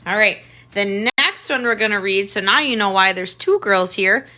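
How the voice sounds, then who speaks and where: Here a woman tutor uses a medium-pitched voice that sounds pushed and bright, moving at a normal speed as she reads a picture book to children. Her phrasing stays simple for young listeners, with little asides, questions and comments pointing things out.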